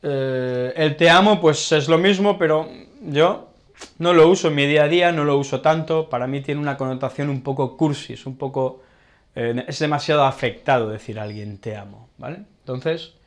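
Spanish guy w castilian accent teaching vocab at a whiteboard, slow, repeats stuff, keeps checking in. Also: a little high. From Spain. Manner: slow, repeats words and checks understanding with tag questions; writes on a board with a marker while explaining. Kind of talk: explaining vocabulary to learners.

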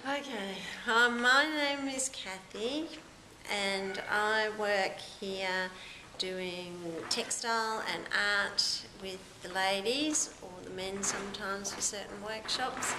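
A woman in her forties runs the art and textile workshops and talks about them in a cheerful, chatty way. The room echoes, and noise is clearly heard behind her. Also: medium pitch, takes it slowly. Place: indoor room, plain wall. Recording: roomy with clear background noise.

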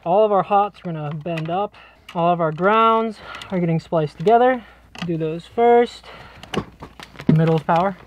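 A man's voice: high-pitched, normal speed, dull audio, a little hiss or hum. A man explaining electrical work on the job in a cramped basement, in a casual, joking way. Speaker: electrician host. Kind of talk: explaining on-the-job wiring to camera. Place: cramped basement crawl space.

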